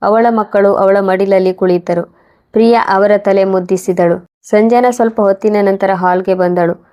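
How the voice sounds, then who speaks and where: A woman reading a scripted moral story in an even, measured way. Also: medium pitch. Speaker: narrator.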